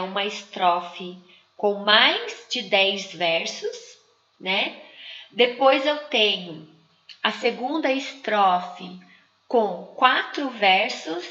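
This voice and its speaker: A woman teaches from slides at an unhurried pace, drawing out each example word. Her voice is bright and sits a little high. The recording is muffled and carries a roomy echo. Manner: slow, didactic, stretching out example words. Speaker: teacher trainer. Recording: muffled, echoey room.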